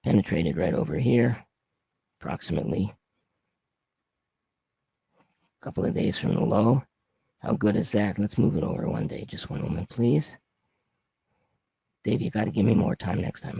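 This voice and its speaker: A man with a raspy, papery, hoarse voice presenting an informal slide lesson as an instructor, plain-spoken and conversational. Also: on the low side, warm tone, no room sound. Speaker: trading instructor presenting a webinar. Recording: dry, muffled lo-fi audio.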